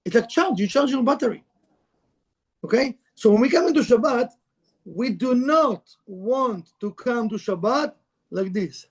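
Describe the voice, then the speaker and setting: Guy with a pretty high voice giving a casual spiritual talk, broken english, keeps asking the room stuff. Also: expressive, unhurried, husky. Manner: conversational, broken English, asks the room questions. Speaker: Kabbalah teacher. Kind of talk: informal spiritual lecture to a live group.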